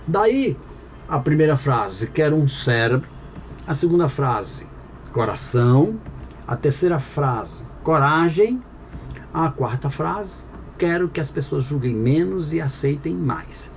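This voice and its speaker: A man teaching a grammar lesson, his voice sitting a little high and swinging widely in pitch as he explains. He keeps checking in with the listener and answers his own questions. Faint ambient hiss sits behind him. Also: lively intonation, takes it slowly. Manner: conversational with frequent "tá bom?" check-ins. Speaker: Portuguese teacher.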